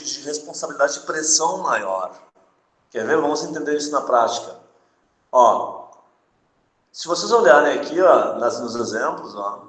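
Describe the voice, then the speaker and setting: A man's voice: a little high, a bit bright, reverberant, poor audio. A male teacher giving an adult-education grammar lesson. He is chatty, repeats his points, tags his sentences with little checks for agreement, and jokes with the class before going back to the rule. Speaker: Portuguese teacher.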